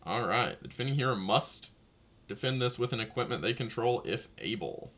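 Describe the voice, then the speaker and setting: A man casually commentating his own card game match, thinking aloud and talking to his opponent, his voice low and slightly gravelly. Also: lively intonation, moderate pace, fairly bright tone, a little hiss or hum.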